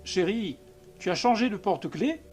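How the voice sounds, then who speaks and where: A man's voice: sits high, expressive, moderate pace, darkish tone, soft background music, voice pushed up. A man voicing a puzzled, uneasy young man in an audiobook reading, asking questions in a slightly raised voice.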